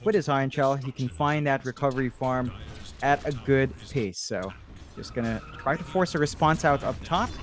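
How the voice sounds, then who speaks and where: A man commentating an esports match, analytical and measured, with some fillers and restarts. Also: mid-range voice, slight background noise. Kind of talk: play-by-play commentary.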